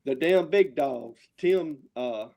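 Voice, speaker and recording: A man's voice: on the high side, animated, slow pace, muffled recording. A man with a Southern US accent talking casual, profane wrestling trash as a guest, rambling and riled up. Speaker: wrestling promotion owner, show guest.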